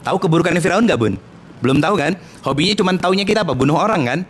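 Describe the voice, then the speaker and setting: A man in his thirties from a Minangkabau family, preaching a soft-spoken sermon and questioning the women listening directly. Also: fairly high pitch, expressive, racing, slightly rough. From Indonesia, Minangkabau family. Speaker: Islamic preacher.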